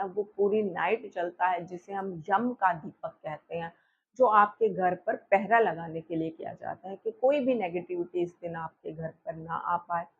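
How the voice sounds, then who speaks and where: A woman's voice: medium pitch, slightly rough. A woman astrologer with a sore throat explaining a festival worship ritual step by step, asking and answering her own questions with frequent fillers. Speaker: astrologer explaining Diwali puja. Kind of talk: instructional talk to viewers. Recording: dull, lo-fi recording.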